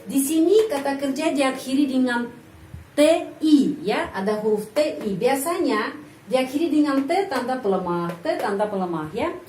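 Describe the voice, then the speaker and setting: A woman's voice: high-pitched, lively intonation, moderate pace, a little mellow, slight background noise. A woman giving a language lesson, explaining patiently and repeating example phrases. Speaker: language teacher. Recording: echoey room, voice from off-mic.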